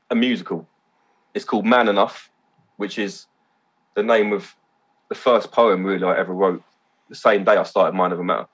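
A man telling stories as a podcast guest, excitable and loose, swearing casually. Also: low voice, slightly rough. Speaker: podcast guest, event organiser. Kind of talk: casual chat.

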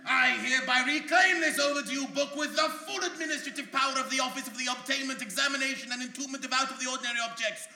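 An actor playing a grandiose, bumbling bureau administrator who fancies himself a hero, in a live comedic audio drama. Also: male voice, extremely high pitch, steady tone, quick pace, hardly any pauses, sharp tone, full character voice. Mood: pompous. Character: pompous heroic male bureau administrator. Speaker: comedy stage performer. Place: live performance venue. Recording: echoey live venue.

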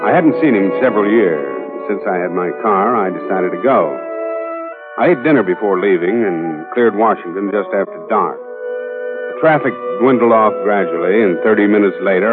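A man's voice: on the low side, natural voice. Brad Runyon, a man playing a hard-boiled detective. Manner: steady, dry first-person narration. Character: hard-boiled heavyset male detective, calm and dry. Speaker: narrator and lead. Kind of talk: 1940s radio acting. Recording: tinny old radio broadcast with music.

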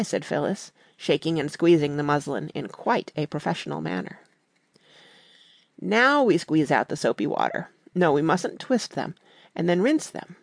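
A woman's voice: lowish voice, no room sound. A woman reading a classic children's novel aloud, giving the children's lines a light touch. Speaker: audiobook reader. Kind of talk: scripted narration.

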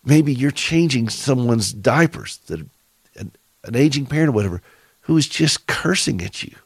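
A man's voice: medium pitch, lively intonation, moderate pace, breathy edge, no room sound. A middle-aged man with a Southern accent hosting a radio show for caregivers, giving earnest, preacherly encouragement and asking listeners direct questions. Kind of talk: faith-based encouraging talk.

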